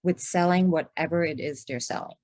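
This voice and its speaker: Thoughtful low-voiced woman podcast host. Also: a little fast, a little mellow, no room sound. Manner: thoughtful, lays points out in order. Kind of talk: casual podcast conversation.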